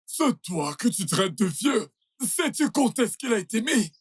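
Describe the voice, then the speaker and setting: A performer voicing an angry, stubborn old village father who shouts and scolds, in a dubbed film. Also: medium pitch, very animated, measured pace, husky, full character voice.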